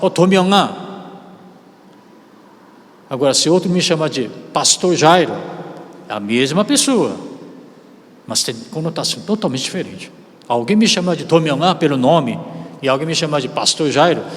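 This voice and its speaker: A man preaching a sermon as pastor, a native Korean speaker, rising loud and slowing down for emphasis. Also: fairly high pitch, lively intonation. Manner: rises loud and slows down for emphasis. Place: church sanctuary. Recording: long hall reverb.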